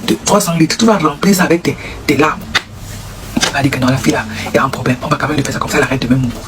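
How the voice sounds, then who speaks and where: A man's voice: a little high, rapid-fire, over music. A man with a Cameroonian French accent giving comic advice, acting out little dialogues and sound effects. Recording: noisy recording.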